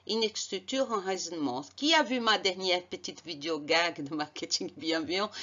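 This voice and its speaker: A woman's voice: mid-range voice, sharp tone, muffled recording. A woman giving a narrated slide lesson as a marketing coach, emphatic and encouraging, often repeating and correcting herself as she talks. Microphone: voice-over on slides.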